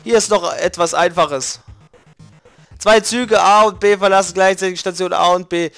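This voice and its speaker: A man's voice: high-pitched, fairly even intonation, moderate pace, creaky, fairly bright tone, clean tone, no room sound, soft background music. A man putting on a robot voice for a flamboyant male robot game-show host from a video game, announcing theatrically. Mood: showy, menacing. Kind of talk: reading game dialogue aloud.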